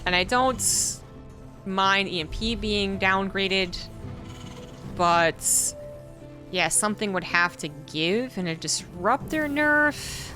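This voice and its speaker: A woman's voice: mid-range voice, slow, sharp tone, faint music behind. A woman commenting on an esports match, talking through her views in a thoughtful, casual way with many fillers. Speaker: esports caster. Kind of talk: casual game commentary and analysis.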